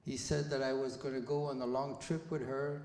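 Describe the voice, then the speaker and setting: Telling students his life story, an elderly Belgian guest speaker, around 80, talks in a plain, measured manner and occasionally restarts his sentences. His pitch is medium and barely moves, and his tone is slightly mellow. The school hall gives the sound an echoey reverb.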